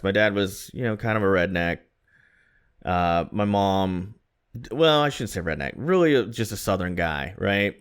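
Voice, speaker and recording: This podcast co-host is a man in his thirties from Florida, USA, with a deep, clean-toned voice. He rambles through a casual, self-deprecating chat.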